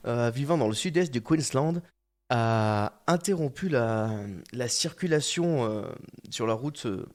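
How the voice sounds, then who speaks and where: A man's voice: medium pitch, animated, measured pace. A man hosting a casual podcast chat in a radio studio, joking, laughing often and trailing off with fillers. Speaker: podcast host.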